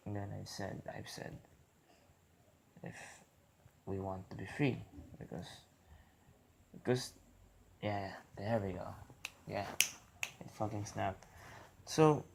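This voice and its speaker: A man with a very creaky, lowish voice delivers a rambling philosophical rant. He talks casually and haltingly, circling back and repeating his phrases as he goes. The recording is clearly noisy. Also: a little mellow. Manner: halting, repetitive, self-interrupting. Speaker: vlogger.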